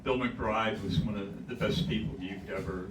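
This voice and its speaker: An older man telling anecdotes at a club gathering, chuckling as he goes and stopping often on fillers. He is picked up from a distance in an echoey hall. Steady noise runs underneath. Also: fairly low pitch. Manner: chuckling storyteller, halting with fillers. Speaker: club speaker. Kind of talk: anecdotal after-dinner talk.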